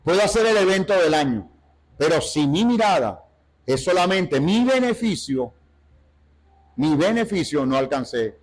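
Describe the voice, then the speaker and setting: A man teaching a Bible study in sermon style, animated, asking rhetorical questions and acting out quotes. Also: fairly high pitch, rough recording.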